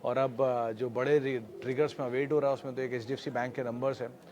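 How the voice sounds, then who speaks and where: Male market show host, mid-pitched, steady explainer with filler pauses. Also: a little hiss or hum. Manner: steady explanatory delivery with frequent filler hesitations. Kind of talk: daily stock market wrap-up.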